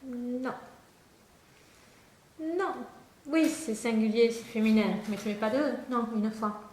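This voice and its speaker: In an echoey room with faint noise, a woman plays a comic spelling tutor, chattering to an imaginary student in a slightly high, somewhat mellow voice. She speaks slowly, wanders off mid-sentence in a scatterbrained ramble, and laughs at her own lapses.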